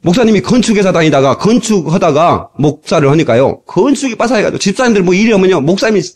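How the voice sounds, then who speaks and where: Fiery, animated male preacher. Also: high-pitched, quick pace. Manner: emphatic, shouting exhortations, acting out voices, bursts of laughter. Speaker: pastor. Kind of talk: fiery sermon. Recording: old cassette tape transfer.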